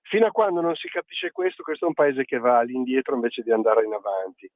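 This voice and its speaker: A man's voice: medium pitch, big pitch swings, quick pace, no room sound. A male caller speaks over the phone, and his voice comes through a tinny, narrow line. The sound is dry and close, with no room around it. He talks earnestly and hesitantly, stopping and restarting as he makes his complaint. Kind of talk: radio call-in complaint.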